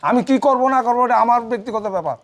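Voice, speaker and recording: Older father type played by a man, gruff and defiant, quick, high-pitched delivery with a Bangladeshi accent. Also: animated. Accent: Bangladeshi colloquial Bengali. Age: 60s. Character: stubborn sixty-year-old father who remarries.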